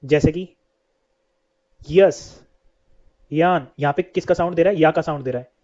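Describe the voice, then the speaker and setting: A man teaches an English lesson at a steady pace, asking a question and then answering it himself. His voice sits fairly high and sounds mellow and soft-edged. The recording is dull and lo-fi. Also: measured pace.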